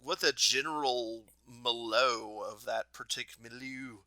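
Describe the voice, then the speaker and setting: A man's voice: mid-range voice, animated, moderate pace, bright, forceful tone. A man co-hosting a podcast, talking casually and thoughtfully, often stopping to search for words. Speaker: podcast co-host. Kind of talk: casual chat.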